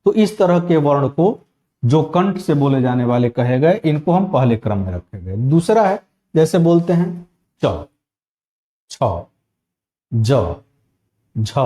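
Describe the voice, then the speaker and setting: A man giving a spoken grammar lesson, slowly and methodically spelling out sounds one at a time. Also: fairly high pitch, dark tone. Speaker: Hindi teacher.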